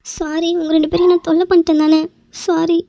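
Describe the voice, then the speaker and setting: A woman's voice: little pitch movement, a little fast, gravelly, warm tone, no echo. A woman voicing a scheming young rival who fakes fear. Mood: pleading, frightened. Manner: whimpering and pleading, then low and sly in asides. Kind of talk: amateur cartoon voice acting.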